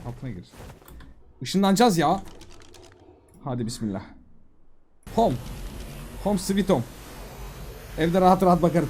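A man giving casual, excitable commentary while playing a video game, talking to himself and the creatures on screen. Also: a little high, a little hiss or hum. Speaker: gaming YouTuber.

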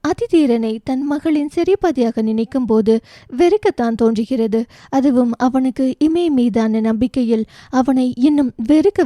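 A woman's voice: on the high side, mellow, no echo, studio quality. A woman narrating a romance novel as an audiobook, voicing each character's dialogue herself. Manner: shifts briefly into voices for each character.

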